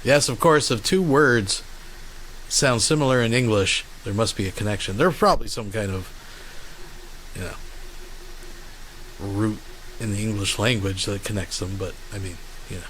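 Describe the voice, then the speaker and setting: Guy w a lowish voice rambling casually on stream, bit of background noise. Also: normal speed, long pauses, fairly bright tone, poor audio. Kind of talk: rambling casual livestream chat. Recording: faint ambient background noise.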